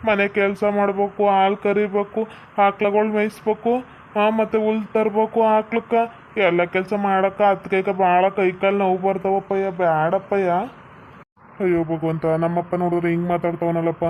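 A young village husband in a cartoon, voiced by a woman, coaxing gently in a North Karnataka accent. His voice stays flat and even. It sounds muffled, with a faint hiss underneath. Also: medium pitch, normal speed, close to an everyday voice. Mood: protesting. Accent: North Karnataka Kannada. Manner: soothing, coaxing.

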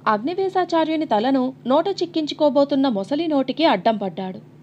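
A woman narrator reading a novel aloud in an expressive, dramatic storytelling manner. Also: high-pitched, brisk, dull audio, a little hiss or hum. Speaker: audiobook narrator.

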